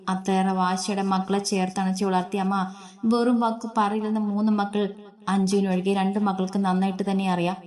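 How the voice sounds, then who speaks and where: A woman narrates a story in a steady, even reading voice. Her pitch sits in an ordinary middle range, and she paces the descriptions evenly. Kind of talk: reading a serialized romance story aloud.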